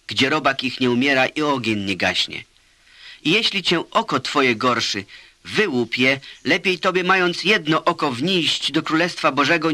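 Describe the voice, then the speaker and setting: Bright-voiced man reading scripture. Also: on the high side, no echo. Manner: measured, solemn reading. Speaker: scripture reader. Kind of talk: scripted Bible narration.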